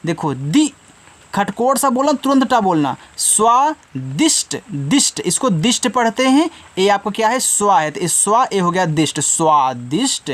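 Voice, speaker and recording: A man teaching children to read, slowly sounding out each syllable and then saying the whole word. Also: high voice, big pitch swings, a bit bright. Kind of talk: slow Hindi reading lesson for children.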